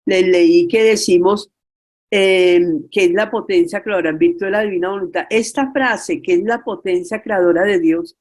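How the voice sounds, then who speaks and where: A woman's voice: fairly low pitch, darkish tone. An older woman giving an earnest spiritual talk on forgiveness, repeating words for emphasis and sharing personal testimony. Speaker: religious workshop speaker.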